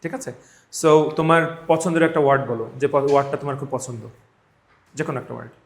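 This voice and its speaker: A man with a Bangladeshi accent speaks fast in a mid-range voice while teaching a live spoken English class with drills. He's emphatic, repeating phrases and checking that students follow. The recording comes from an echoey indoor classroom.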